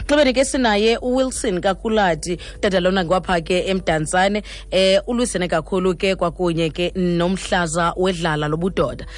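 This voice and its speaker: A man's voice: high-pitched, fairly even intonation, brisk, few pauses. A man with a South African Xhosa accent, presenting and interviewing as a radio host.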